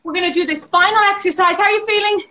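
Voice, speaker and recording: High-pitched Irish woman coaching a workout. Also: racing, reverberant, a little hiss or hum, rough recording. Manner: energetic, counting down and cheering. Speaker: fitness instructor. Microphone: video call.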